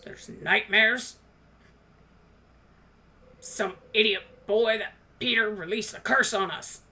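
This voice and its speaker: A woman voicing a crabby old male dwarf blacksmith with a gruff, loud, curt delivery in a tabletop game. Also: takes it slowly. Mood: crabby, fearful. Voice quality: deep-voiced, gruff. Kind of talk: tabletop game role-play.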